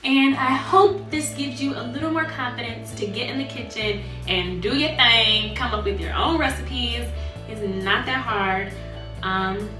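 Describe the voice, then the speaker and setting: A woman's voice: a little high, unhurried, music in the background. A young woman in her twenties, a cooking show host, telling a childhood story in a casual, chatty way full of fillers. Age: 20s.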